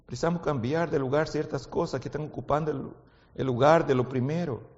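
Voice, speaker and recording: A Portuguese-accented man preaches in a non-native language at a brisk pace, his voice on the high side and his tone steady. He alternates soft, intimate passages with loud, fervent calls and frequently puts questions to the crowd. A long reverb tail trails his words, and the highs are cut off.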